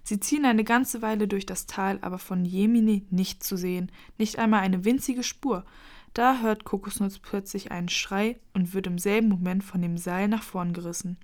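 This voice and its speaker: A woman reading a children's story aloud in a lively, expressive way. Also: medium pitch, moderate pace.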